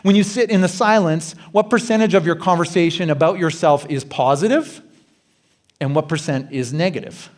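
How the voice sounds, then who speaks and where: A middle-aged male pastor from Canada preaching a sermon, animated, acting out worried self-talk and dropping quiet for questions to the listener. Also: moderate pace. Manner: animated, acts out anxious self-talk with rising pitch. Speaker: guest pastor.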